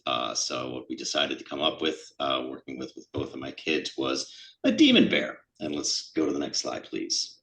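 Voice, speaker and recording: A man's voice: extremely low pitch, flat delivery, moderate pace, creaky, few pauses, bright, forceful tone, slight background noise. A middle-aged man with a New England accent, presenting his sculptures in a casual, rambling talk with a lot of fillers and self-deprecating asides. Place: event room.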